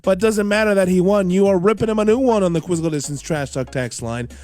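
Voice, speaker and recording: A male radio host with a sick voice, running a quiz segment in a teasing, animated way and laughing often. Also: high-pitched, fast. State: sick, voice not his usual. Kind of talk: radio quiz show hosting.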